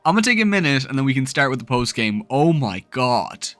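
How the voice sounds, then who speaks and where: A young man commenting on a video game he is playing, reacting with open excitement and emotion and recapping his progress. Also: mid-range voice, brisk, dry recording, soft background music. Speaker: gaming YouTuber. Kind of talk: gameplay commentary and recap narration.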